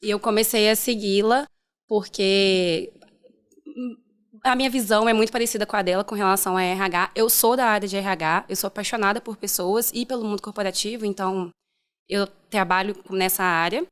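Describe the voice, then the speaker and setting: A woman from Minas Gerais, Brazil, speaking calmly and in a measured way as a podcast guest. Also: medium pitch, smooth. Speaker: content producer. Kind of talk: casual podcast chat.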